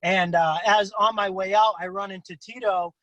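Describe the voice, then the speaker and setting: A man hosting a casual interview over a video call who swears freely and jumps into excited voices when he quotes other wrestlers. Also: normal speed, no room sound, low-quality recording. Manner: profane, swears freely in anecdotes; acts out quotes with big pitch jumps. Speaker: interview host.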